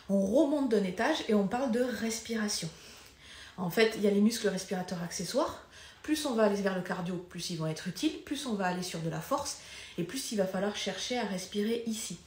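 A woman's voice: mid-range voice, a little mellow. A woman physiotherapist teaches live, in a conversational way that loses its thread now and then and then picks it up again. She moves around the room while she demonstrates. The room is echoey, with a faint ambient hum behind her. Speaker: pelvic floor physiotherapist. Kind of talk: live video lesson with demonstrations.

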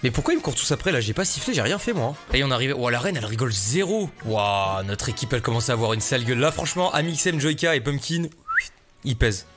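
A man giving casual, joking let's-play commentary as a gaming YouTuber, excitable and slangy, talking straight to his viewers. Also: mid-range voice, fast, faint music behind.

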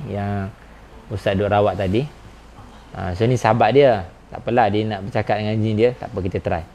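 Firm spiritual healer. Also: male voice, fairly low pitch, a little mellow, slight background noise. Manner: probing, firm questioning. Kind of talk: healing session with questioning.

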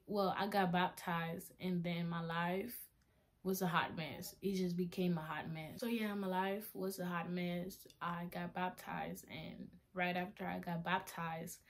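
Chatting to her webcam, positioned in front of her face, a seventeen-year-old from Honduras shares testimony in a casual talking-head vlog, her Honduran Spanish accent clear and her pitch medium. She keeps restarting sentences and laughing at herself, all from a small bedroom decorated with a flag on the wall.

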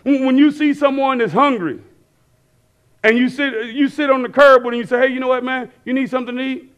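A man in his thirties preaching a sermon on a church stage, talking casually with the crowd and rising now and then to shouts. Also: very high-pitched, fairly even intonation, brisk, clear, resonant tone. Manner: conversational preaching, rising to shouts, asks the crowd to fill in words. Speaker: pastor. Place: church stage with screens and worship band behind.

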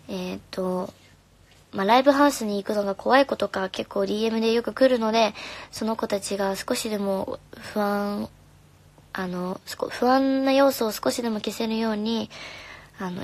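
A young woman, a singer, chatting casually on a live stream, reading comments in a soft, friendly way and sometimes whispering. Her voice is slightly hoarse. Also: mid-range voice. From Japan. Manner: soft and friendly, drops to whispers now and then. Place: home room. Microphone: phone.

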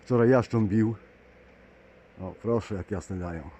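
Brief: low-voiced pigeon-keeping man, easygoing vlog chatter outdoors, faint birds and noise behind. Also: unhurried, dark tone. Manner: chatty, addresses viewers as dear ones. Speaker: pigeon keeper vlogger. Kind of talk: casual running commentary to viewers. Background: birds and outdoor ambience.

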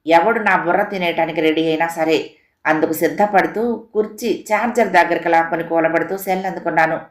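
A woman reading a comic story aloud in a steady, expressive storytelling manner. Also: fairly low pitch. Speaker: story reader. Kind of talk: storytelling narration. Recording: echoey room recording.

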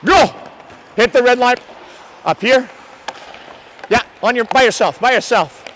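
Calling drills during hockey practice inside a loud rink, this man has a very high, fairly bright voice at a moderate pace. He shouts instructions urgently, repeating them and encouraging his players.

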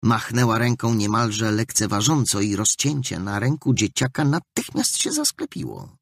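A man narrating an audiobook with expressive storytelling. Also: on the low side, moderate pace, gravelly, husky, no echo. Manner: expressive storytelling with a wide melody. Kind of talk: scripted narration.

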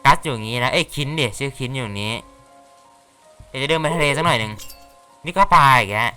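A man's voice: mid-range voice, expressive, fast, sharp tone, smooth, soft background music. A man casually commentating a farming game, chatty and playful, reading the characters' lines aloud. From Thailand. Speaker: gaming YouTuber. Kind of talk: casual Let's Play commentary.

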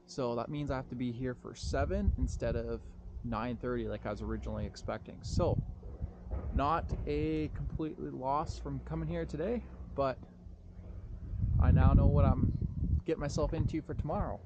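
A man in his thirties filming a casual road-trip vlog with an action camera, outdoors and inside his car, talking plainly and thinking out loud. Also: medium pitch, moderate pace, muffled recording, very noisy. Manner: relaxed, plain, thinks aloud with ums.

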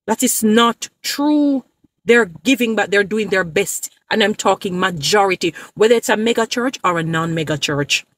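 A woman's voice: mid-range voice, lively intonation, normal speed, no echo. Emphatic woman lecturing from her car. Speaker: social media creator. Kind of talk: direct-to-camera preaching commentary. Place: parked car. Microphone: phone camera at arm's length.

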